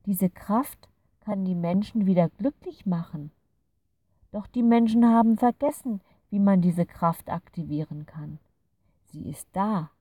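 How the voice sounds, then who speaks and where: Storybook fairy creature, gentle and patient, read by a woman, unhurried, slightly distant mic. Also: medium pitch, no echo, voice pushed up, lightly acted. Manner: patient, soothing explaining. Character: kind gentle fairy creature from a light dimension.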